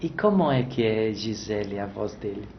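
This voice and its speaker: A man's voice: on the low side, expressive, normal speed, a little hiss or hum. A man, a priest hosting a TV show, interviewing a guest with probing questions and echoing her words back. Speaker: priest and TV host. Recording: muffled broadcast sound with music underneath.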